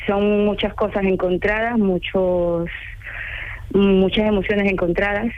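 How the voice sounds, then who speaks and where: A woman's voice: medium pitch, level tone, a little slow, phone-quality sound. A talkative, earnest woman from Ecuador with an Ecuadorian accent, a home care assistant calling in to a radio interview. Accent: Ecuadorian Spanish. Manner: talkative, earnest, laughs easily.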